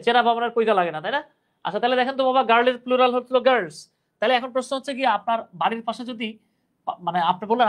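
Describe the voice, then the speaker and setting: A young man teaching English grammar in a live online class, patiently explaining rules and reading out viewers' comments. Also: high voice.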